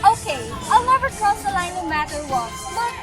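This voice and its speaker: Woman playing a devoted young princess, very high pitch, gentle, background music. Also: expressive, brisk. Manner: pleading, gentle.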